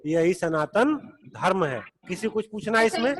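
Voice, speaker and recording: A man teaching a Sanskrit class over a video call, explaining slowly and patiently, repeating each point. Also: sits high, animated. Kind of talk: online class lecture. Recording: long echoey reverb.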